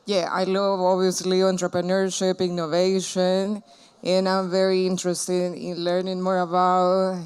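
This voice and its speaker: A woman from El Salvador introduces herself to a panel with an eager manner. Her voice is strikingly clear and smooth. She speaks in a fairly level, even tone. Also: lowish voice. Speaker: university academic tutor.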